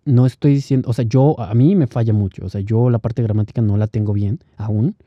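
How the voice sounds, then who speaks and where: A man's voice: lowish voice, brisk, dry recording, dull audio. A young man talking casually on his solo podcast, laughing often and slipping in English phrases. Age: young adult. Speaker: podcast host.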